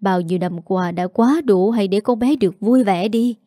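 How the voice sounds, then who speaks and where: A woman voicing a frail, sick old father who speaks softly and wearily. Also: medium pitch, moderate pace, no room sound, clean studio sound, natural voice. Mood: weary tender.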